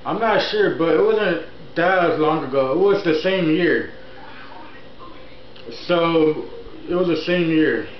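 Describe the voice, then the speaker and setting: A man's voice: a little high, expressive, takes it slowly, pauses often. A man in his early twenties telling a personal story in a casual, rambling vlog style, often repeating himself. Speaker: YouTuber, channel host. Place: indoor room at home, TV on. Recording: echoey room, dull sound, faint noise.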